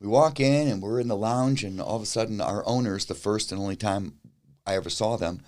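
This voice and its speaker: A middle-aged man, a musician guest, telling an animated story in an interview, with many restarts. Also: on the low side, fairly quick.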